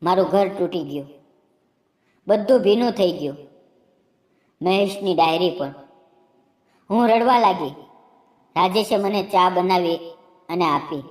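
A woman narrating a heartfelt first-person storybook tale in a soft manner. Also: lowish voice, unhurried, long pauses. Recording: echoey room, long reverb.

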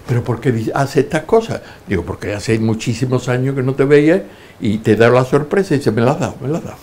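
A man's voice: mid-range voice, fast talker, slight background noise. An older man in an interview, telling his life stories and acting out the voices of people in them. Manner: lively anecdotes, acting out quoted voices. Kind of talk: storytelling interview.

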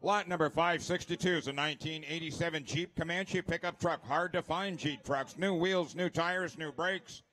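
A man's voice: fairly high pitch, moderate pace, few pauses, bright, forceful tone. A man announcing auction lots, describing each one in short, clipped phrases.

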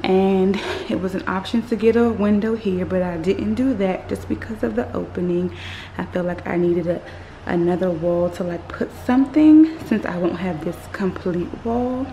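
A woman's voice: medium pitch, moderate pace, mellow, a little hiss or hum. Chatty woman vlogging on a phone. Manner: chatty, rambling with fillers. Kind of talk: casual vlog chat. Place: parked car, then an unfinished house. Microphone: phone held at arm's length.

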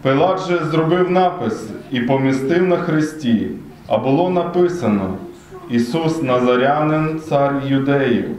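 A man narrating the Gospel Passion in a liturgical reading in church, in a steady reading cadence. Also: mid-range voice, a little slow. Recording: very echoey church room.

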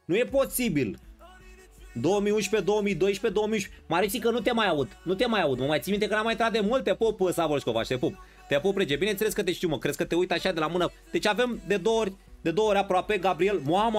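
A man streaming a football video game live, bantering with his chat and playing up mock outrage. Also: high voice. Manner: banters and greets viewers in chat.

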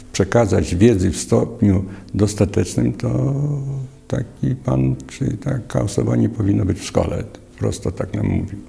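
Older man interviewee, very gravelly, dark, flat low voice, calm recollection. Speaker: former student recalling a teacher. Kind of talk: documentary interview.

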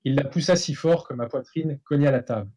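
A man, a novelist, reading a passage from his own book aloud in a steady, measured way. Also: medium pitch, husky. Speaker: author.

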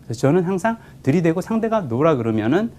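Animated man giving a humorous talk. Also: on the high side, fast. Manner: animated storyteller acting out pickup lines. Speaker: drama producer giving a talk. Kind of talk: humorous talk to a live audience. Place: stage in front of an audience.

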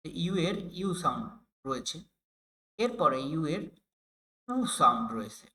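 A teacher from Bangladesh leads an online phonics lesson for primary teachers. The voice is bright and forward at an ordinary pitch. The delivery is patient and explanatory, breaking words into single sounds and repeating each example several times. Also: big pitch swings, poor audio. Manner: drills sounds slowly, letter by letter, with repeated examples. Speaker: English reading teacher.

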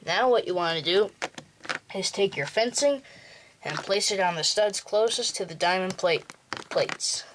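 Over a noisy background, a young man with a high voice hosts a tutorial, giving a slow, plain, step-by-step walkthrough for assembling a toy model.

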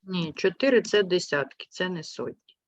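A patient woman teaching young pupils, her voice sitting a little low and her questions clear and unhurried. The sound is close and dry, with a muffled, lo-fi edge. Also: animated, no room sound. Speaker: primary school teacher. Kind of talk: online class lesson.

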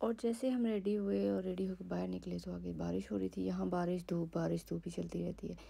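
Woman vlogger, thirties, from Pakistan, confiding travel chat, dark gravelly tone, phone recording with faint hiss. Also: on the low side, little pitch movement, fairly quick. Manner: chatty and confiding, mixing in English words. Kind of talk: casual travel vlog to camera. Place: hotel apartment room, indoors. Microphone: phone camera set at a distance.

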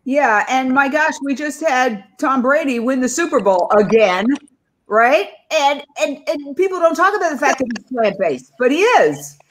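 A woman's voice: high-pitched, lively intonation, moderate pace, a bit bright, a little hiss or hum. A middle-aged woman hosting a panel discussion over a video call, chatting and putting questions to guests by name. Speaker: panel host.

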